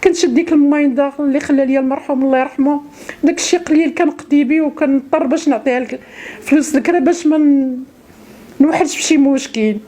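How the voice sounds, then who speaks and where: Moroccan woman pleading fast in an interview, keeps saying the same thing again and again, slightly high warm voice. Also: steady tone. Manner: pleading, repeats her words over and over. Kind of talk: street interview testimony.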